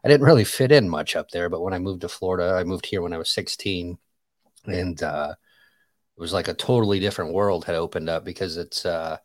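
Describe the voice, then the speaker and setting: Deep-voiced man in his thirties, dry sound. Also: dry recording. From Michigan, USA. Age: 30s. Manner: relaxed, halting with many fillers. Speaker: podcast host. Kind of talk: casual chat.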